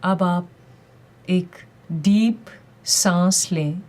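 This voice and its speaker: A woman leads a guided meditation in a lowish voice; her instructions are gentle, calm and deliberate, and she leaves pauses after each phrase.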